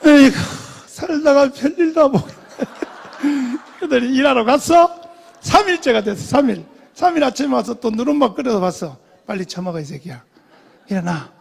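An older man preaching a testimony sermon, emphatic and repetitive, dropping to murmurs and then rising to shouts. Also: very high voice, expressive, moderate pace, creaky. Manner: emphatic, repeats phrases, swings between murmurs and shouts. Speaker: pastor.

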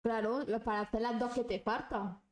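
A woman's voice: fairly high pitch, steady tone, normal speed, roomy sound, poor audio. Angry ranting young woman streamer. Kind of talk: casual live-stream chat.

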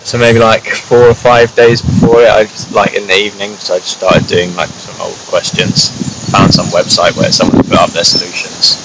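A young man from New Zealand answers casually, rambling and padding with "like." His voice sits very low. He sits outdoors, with clear ambient noise behind him. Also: moderate pace. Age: young adult. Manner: relaxed, rambling, fills with "like" and "kinda". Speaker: guest, engineering student. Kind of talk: casual interview. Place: outdoors in a grassy field.

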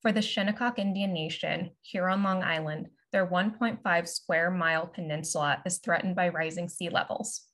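Over a video call, a woman who is a moderator and curatorial assistant reads a prepared introduction for a virtual panel. Her voice is fairly low and a bit bright, and she presents the written script in a measured, formal way.

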